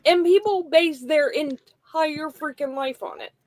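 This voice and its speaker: A woman's voice: high-pitched, unhurried. A woman co-hosting a casual podcast chat, blunt and exasperated, with lots of "like". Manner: blunt, exasperated, filler-heavy. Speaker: podcast co-host.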